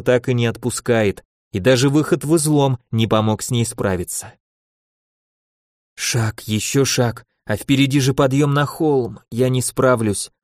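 Steady male audiobook narrator, dry sound. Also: medium pitch, dry recording. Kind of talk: scripted first-person audiobook narration.

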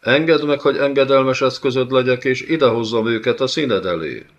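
A man's voice: medium pitch, pitched above the performer's own voice, lightly acted. A man voicing a groveling, scheming male envoy who stammers and begs, in a dull lo-fi audiobook recording. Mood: pleading. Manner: stammering, pleading, fawning.

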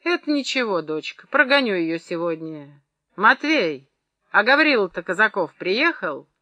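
A drunk, swaggering old gold-mine owner boasts loudly in a high, sharp voice, as a male reader puts him on. He sounds like a boastful audiobook character voice. The recording is close and dry, with no room around it. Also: sing-song, measured pace, no room sound, full character voice.

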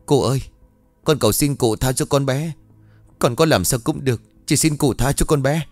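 A man's voice: medium pitch, normal speed, a little mellow, dry recording, faint music behind, voice pushed up, lightly acted. A man voicing a terrified peasant mother who humbly begs for mercy in an audiobook story. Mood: pleading. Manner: begging, humble, desperate.

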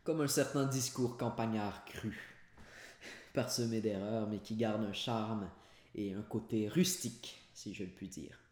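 A low-voiced man reads a classic novel aloud in one unedited take. He stumbles, corrects himself and drops casual asides. The room around him is echoey. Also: steady tone, a little slow, darkish tone. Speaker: audiobook reader and podcaster. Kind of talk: unedited audiobook reading. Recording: roomy echoey home recording.

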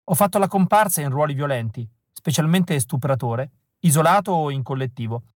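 A man's voice: on the high side, lively intonation, a little fast, no echo, studio quality. A man voicing a pale, desperate young man begging for a job, pleading and frantic, in an audiobook reading. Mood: earnest. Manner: pleading, breathless and increasingly frantic. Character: pale desperate young male would-be extra.

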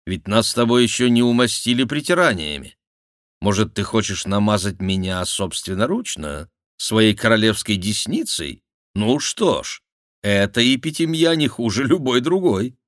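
A man reading an audiobook, voicing a cheeky, theatrical court jester with a high mocking voice. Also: animated, moderate pace, fairly bright tone, no echo, clean studio sound. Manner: mocking, shrill exclamations, mimicking. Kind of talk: audiobook character voice.

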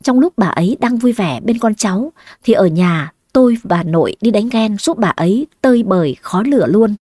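A woman telling a first-person family story, lively with dramatic exclamations. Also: medium pitch, normal speed, dry recording, clean studio sound.

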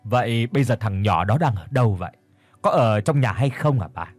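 A man voicing a calm old exorcist master with a deep, warm, soothing voice. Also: fairly quick, husky, no echo, soft background music. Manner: soothing, steady.

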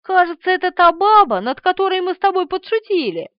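A woman's voice: very high-pitched, big pitch swings, brisk, no echo, voice pushed up. Fyodor, a woman doing a groaning young joker. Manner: whiny, groaning. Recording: dry, slightly dull studio recording.

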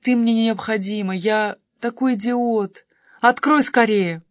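A woman's voice: fairly high pitch, steady tone, a little slow, no echo, clean studio sound, pitched above the performer's own voice, natural voice. A woman voicing a devoted, anxious young man who speaks tenderly and earnestly in an audiobook. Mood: tender pleading.

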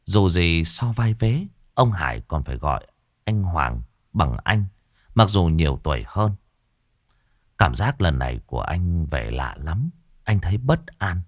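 A man narrating a ghost story in a dramatic, expressive storytelling manner. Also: low-pitched, a little slow, dry recording, clean studio sound.

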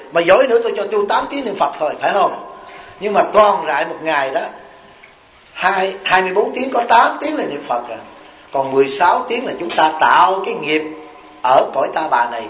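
A man's voice: on the high side, fairly bright tone. A man, a Buddhist monk with a Southern Vietnamese accent, giving a sermon in a folksy storytelling way, with rhetorical questions and acted-out quotes. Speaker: Buddhist monk and abbot giving a dharma talk. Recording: echoey hall recording.

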